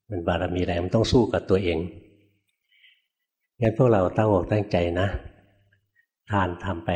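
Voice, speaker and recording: A man's voice: deep voice, a little mellow. An older man, a Buddhist monk, giving a plain-spoken, folksy dharma talk, asking his listeners questions and chuckling at his own stories.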